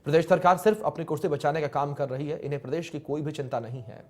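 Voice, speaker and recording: A man reading the news in a brisk, formal anchor delivery. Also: fairly high pitch, fairly even intonation.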